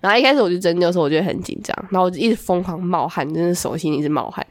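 A woman's voice: on the low side, racing, no echo. Coughing woman chatting on a podcast. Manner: animated storyteller, mimics voices. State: has a cold, coughing. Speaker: podcast co-host. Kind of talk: casual chat.

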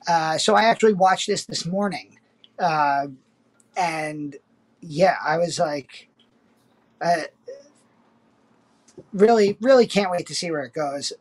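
A man's voice: fairly high pitch, slow, pauses often. Hesitant, enthusiastic man co-hosting. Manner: hesitant, filler-heavy, enthusiastic. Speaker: podcast co-host. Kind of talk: casual review chat.

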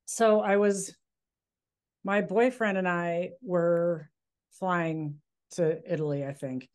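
Woman magazine guest, slightly low voice, relaxed and rambling. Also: takes it slowly. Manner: rambling, many fillers and restarts. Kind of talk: casual interview chat.

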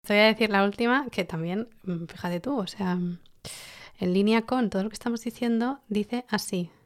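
A woman's voice: medium pitch, moderate pace. Woman telling a juicy story. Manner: lively storyteller, colloquial and joking. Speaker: podcast co-host. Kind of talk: casual chat, telling a listener's story.

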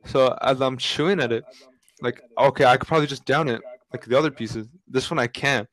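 Brief: young male podcast co-host, chatty storyteller, mid-pitched. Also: fairly quick, low-quality recording. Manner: storytelling, animated with lots of fillers. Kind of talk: casual chat.

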